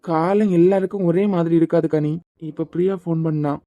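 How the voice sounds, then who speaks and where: A woman voicing a calm, reassuring doctor man. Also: fairly low pitch, fairly quick, no room sound, lo-fi sound, close to an everyday voice. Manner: steady, comforting, advising. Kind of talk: Tamil audio drama acting.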